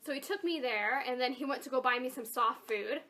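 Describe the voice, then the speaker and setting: A woman's voice: sits high, a little fast, bright, forceful tone, a little hiss or hum. A young adult woman telling a personal story in a casual, chatty, informal way, as a vlogger talking to her viewers. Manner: chatty, informal, emphatic with frequent "like" and "totally".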